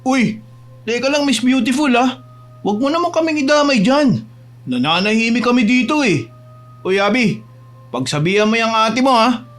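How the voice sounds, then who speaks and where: A woman's voice: a little high, animated, normal speed, soft background music, lightly acted. A woman voicing a cocky young man, a troublemaking friend, who talks in a brash, dismissive way.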